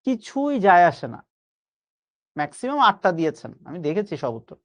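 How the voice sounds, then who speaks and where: A young man teaches a live online grammar class. He coaxes his students along and slows right down to repeat the key phrases for emphasis. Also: high-pitched, sing-song.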